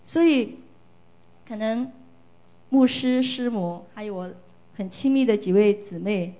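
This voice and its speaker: A woman's voice: mid-range voice, lively intonation, measured pace, dark tone. A middle-aged woman from China giving an earnest, emotional church testimony, often repeating phrases for emphasis.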